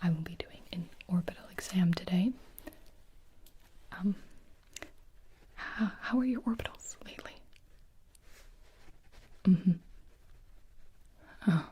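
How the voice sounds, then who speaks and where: A woman whispering hesitantly as a doctor in an ASMR roleplay, with soft fillers and pauses. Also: lowish voice, a little hiss or hum.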